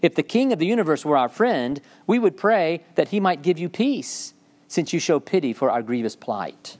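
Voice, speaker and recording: A charming young woman lamenting a lost love, her voice lifted well above a man's own range, as a male lecturer reads her part. She speaks her verse in a lilting, swooning way, full of flattery and longing. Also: fairly high pitch, moderate pace, pitched above the performer's own voice. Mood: wistful.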